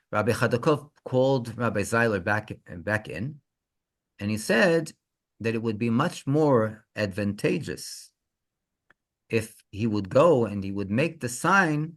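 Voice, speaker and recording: A male rabbi telling a story in an animated, halting way, often repeating words. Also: medium pitch. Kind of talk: storytelling talk.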